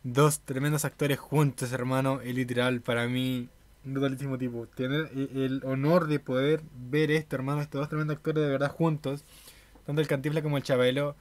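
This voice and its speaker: An enthusiastic young man talking through a reaction video, slangy and awestruck. His voice sits at a middle pitch and the sound is dry and close, with no room echo. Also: flat delivery, fairly quick. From Chile. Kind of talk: casual reaction commentary.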